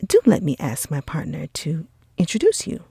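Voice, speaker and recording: A woman voicing a lively, friendly young gentleman in an animated, breathy ASMR role-play of a classic storybook. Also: deep voice, normal speed, dry recording, studio quality, exaggerated voice. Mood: enthusiastic.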